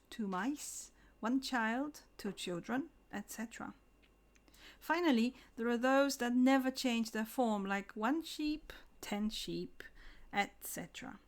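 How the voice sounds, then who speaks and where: Woman teaching English, carefully enunciated. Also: fairly high pitch. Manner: slow, careful enunciation of example words. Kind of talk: scripted English lesson.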